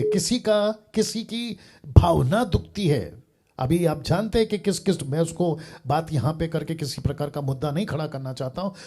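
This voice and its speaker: A man preacher talking with a caller on a live show, reasoning earnestly through everyday examples and often adding "sir". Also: sits high. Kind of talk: live call-in Q&A.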